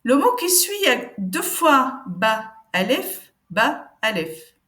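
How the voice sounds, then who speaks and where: A woman teaching Arabic reading step by step, patiently sounding out syllables slowly for learners. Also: fairly high pitch, sing-song, fairly bright tone. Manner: patient, slow demonstrations of each syllable.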